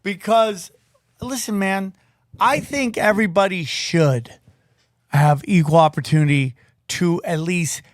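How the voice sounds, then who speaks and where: A man hosting a podcast, talking in an animated, ranting way and swearing freely. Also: high-pitched, measured pace, no room sound, clean studio sound. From Armenian family from Turkey. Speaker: podcast host. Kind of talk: casual podcast chat.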